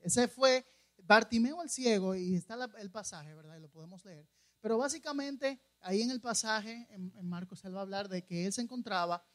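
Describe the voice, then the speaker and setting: A pastor with a high voice preaches a conversational sermon at a moderate pace. He often questions the congregation and retells scripture stories, acting out the quotes.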